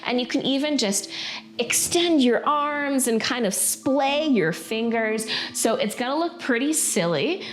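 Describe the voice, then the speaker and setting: A woman's voice: sits high, expressive, measured pace. A woman teaching prenatal yoga in an informal, encouraging and playful way, guiding listeners through breathing practice. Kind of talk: casual guided yoga instruction.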